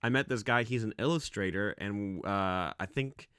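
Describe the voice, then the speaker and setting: A man's voice: on the low side, normal speed, a bit bright, clear, resonant tone, dry recording, clean studio sound. A man in his twenties co-hosting a podcast, telling rambling stories with laughs and fillers. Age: 20s. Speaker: podcast co-host. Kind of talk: casual chat.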